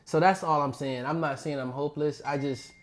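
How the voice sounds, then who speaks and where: A woman's voice: sits low, steady tone, fairly quick. A woman hosting a podcast interview, asking loose, rambling questions in casual slangy talk. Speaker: podcast host.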